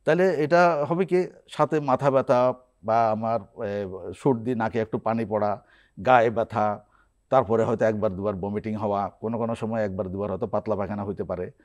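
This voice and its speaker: A man's voice: on the low side, a little fast, a little mellow. A man, a guest doctor, explaining symptoms and remedies step by step on a TV health program in a studio.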